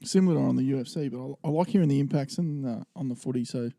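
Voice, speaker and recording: A man's voice: medium pitch, fast talker, vocal fry, mellow, dry recording. An Australian man hosting a casual podcast over beers, making dry, wry remarks. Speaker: podcast host.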